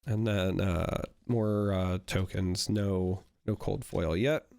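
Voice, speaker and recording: Low, creaky and a little mellow, yet clear and resonant, a young man's voice moves slowly with fairly even intonation as he casually opens card packs. Still recovering from sickness, he rambles with plenty of fillers and restarts, on a dry, clean studio recording.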